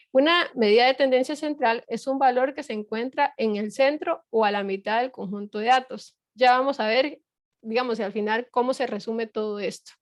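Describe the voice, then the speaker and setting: Recorded in clean studio sound without any room sound, a middle-aged woman with a fairly high pitch lectures online as a university lecturer. She explains things patiently, often using fillers and checking in rhetorically.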